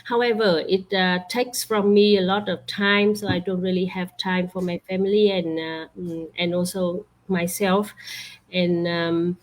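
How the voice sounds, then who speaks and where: A woman from Vietnam hosting an online talk, halting and full of fillers over a video call. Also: fairly low pitch, steady tone, a little hiss or hum. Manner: slow, halting, many fillers. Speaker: host. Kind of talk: online interview introduction.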